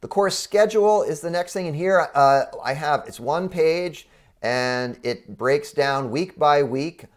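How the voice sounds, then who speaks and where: A man with a congested, frog-in-the-throat voice, under the weather, explaining an online course as a college professor in an informal, halting way. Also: on the high side. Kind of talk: explanatory screen-share walkthrough for online students.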